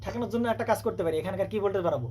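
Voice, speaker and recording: A man's voice: high voice, a little mellow. A man teaching electronics, constantly firing questions at his students. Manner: rapid, keeps quizzing students with rhetorical questions. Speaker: electronics tutor. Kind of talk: classroom lecture with questions. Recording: faint background noise.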